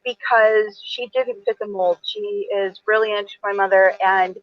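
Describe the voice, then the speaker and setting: Speaking unhurriedly with a medium pitch and fairly even intonation, a woman in her forties moderates a virtual author event by video call; she is an attorney. She comes across as earnest and a little rambling, with frequent fillers, in a dry, dull-sounding recording.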